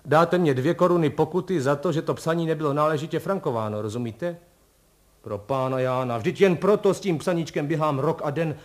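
A man's voice: on the high side, voice pushed up, lightly acted. A man voicing a kindly, chatty old-fashioned postman full of folksy exclamations. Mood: cheerful. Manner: fussy folksy exclamations, warm-hearted.

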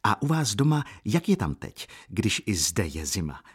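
A man voicing a proud, motherly Roman landlady in her forties, with a husky voice pushed higher. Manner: lively, coaxing, proud.

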